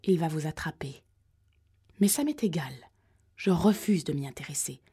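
A woman voicing an agitated male caller with a high, metallic voice who whispers threats in an audiobook. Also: animated, normal speed, dark tone, slightly rough, exaggerated voice. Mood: menacing.

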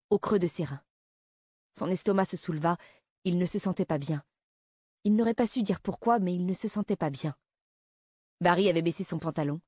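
A woman narrating a novel in a steady, measured reading style. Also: lowish voice, no echo, studio quality. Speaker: audiobook narrator. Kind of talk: scripted narration.

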